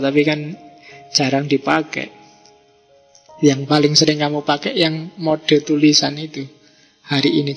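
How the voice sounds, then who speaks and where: A man with a Javanese accent and a fairly high voice lectures in a relaxed, teasing way, tossing rhetorical questions and slang at his audience. His voice rings through a large hall with a long reverb. Faint music sits underneath. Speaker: lecturer on philosophy. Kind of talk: casual lecture to a live audience.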